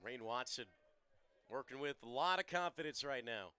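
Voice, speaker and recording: A young man with a bright, mid-pitched voice adds color commentary to a live radio baseball call. He talks in a relaxed, analytical way about stats, defensive positioning and pitchers. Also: normal speed, smooth.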